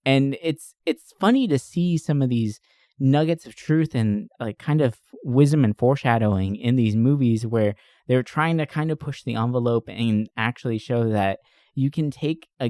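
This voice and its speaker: A man hosts a podcast, chatting loosely and informally about movies and games in slangy language, leaning on "like" and "you know" and swearing now and then. His voice is mid-range and mellow, recorded clean in a studio with no room sound.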